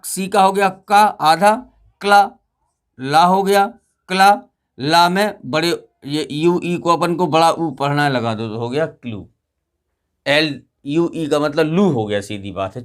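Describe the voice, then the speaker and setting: Patient, rather high-voiced male teacher. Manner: patient, spells out letters slowly, repeats "ठीक है" often. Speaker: English pronunciation teacher. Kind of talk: classroom-style lesson addressing children.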